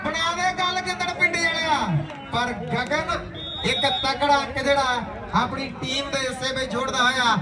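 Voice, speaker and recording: A man's voice: extremely high pitch, steady tone, normal speed. A man with a Punjabi accent giving running rural sports commentary on a kabaddi match, with bits of recited verse. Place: outdoor sports ground. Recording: echoey outdoor PA, distant, crowd noise.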